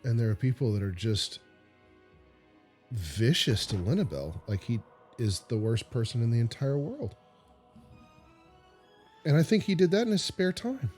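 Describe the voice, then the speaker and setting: A man's voice: mid-range voice, big pitch swings, a little slow, long pauses, darkish tone, faint music behind. A man hosting a gaming video with casual, rambling and somewhat hesitant commentary.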